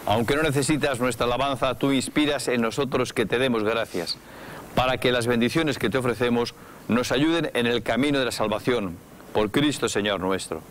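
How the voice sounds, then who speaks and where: A man's voice: mid-range voice, a bit bright, a little hiss or hum. Man solemnly reciting Mass prayers. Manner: solemn, measured chanting of prayers. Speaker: priest celebrating Mass. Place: small chapel studio with brick wall.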